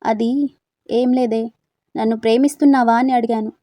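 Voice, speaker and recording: Woman doing a shy young girl, hesitant, tearful, storybook heroine, mellow voice, close and dry. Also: a little high, flat delivery, normal speed, no room sound, close to an everyday voice. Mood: hesitant, sad. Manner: hesitant and unsure. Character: timid young woman student, confused and tearful.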